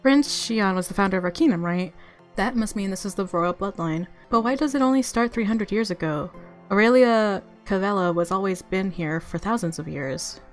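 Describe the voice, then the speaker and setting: A woman game streamer reads a visual novel aloud, reacting expressively as music plays underneath. Her pitch is medium and her speed normal.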